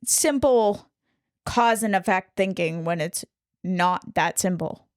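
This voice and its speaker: A woman's voice: fairly low pitch, slow pace, no room sound, clean studio sound. A woman co-hosting a casual film discussion podcast, explaining ideas in a sarcastic, laughing way. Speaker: podcast co-host.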